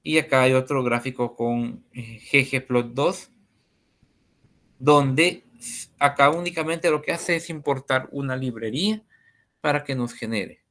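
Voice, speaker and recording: A man tutoring a coding class over a screen share, talking slowly with many pauses and fillers. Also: mid-range voice, a bit bright. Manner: slow and hesitant, many fillers.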